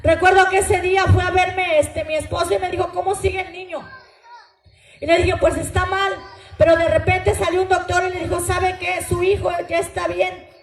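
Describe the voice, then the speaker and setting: A woman with a Mexican Spanish accent tells her testimony to a congregation in an earnest, emotional way. Her voice sits very high. It rings in an echoey room, with soft music playing behind her. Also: level tone, normal speed. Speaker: testimony speaker at a church gathering. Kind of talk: spoken testimony.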